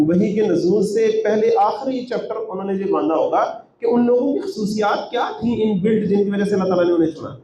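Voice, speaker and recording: A man with a fairly high voice teaches from scripture, reciting verses and then explaining them with rhetorical questions. The room is echoey, with faint noise underneath. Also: warm tone. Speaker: Quran translator and teacher. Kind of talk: Quran translation with commentary.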